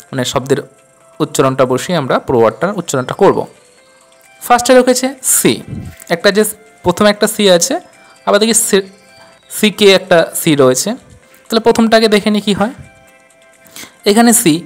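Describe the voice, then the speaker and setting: A teacher explaining English pronunciation rules, who speaks patiently and spells words out letter by letter. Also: medium pitch.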